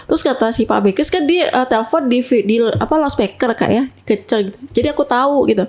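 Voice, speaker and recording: A woman's voice: fairly high pitch, quick pace, a little mellow. A young woman casually telling a personal story to an interviewer, chatty and full of little tag words. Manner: chatty, often adds tag words and addresses the listener as sister.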